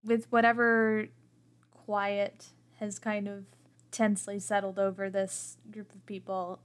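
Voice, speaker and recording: A woman with a medium-pitched voice plays a tabletop game, improvising her character's actions while thinking aloud haltingly.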